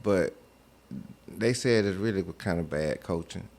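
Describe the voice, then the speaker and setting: A man's voice: low-pitched, unhurried, darkish tone. A man talking sports in a casual, slangy debate, argumentative and repeating himself to make his point. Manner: slangy, informal. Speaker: sports talk co-host.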